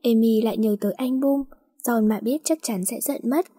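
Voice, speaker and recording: Husky female story narrator. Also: on the high side, normal speed, mellow, no room sound, clean studio sound.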